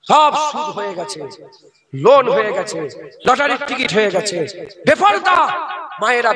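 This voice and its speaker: Hoarse high-pitched preacher, fervent. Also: male voice. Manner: swings from fervent shouting to quiet, hoarse asides. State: hoarse, voice gone. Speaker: preacher at a religious gathering. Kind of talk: sermon.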